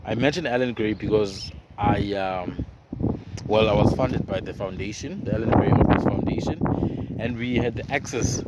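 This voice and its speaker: A man's voice: lowish voice, moderate pace. A man giving a casual motivational monologue, earnest and rambling, repeating words as he goes. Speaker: motivational vlogger. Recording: loud wind and boat noise outdoors.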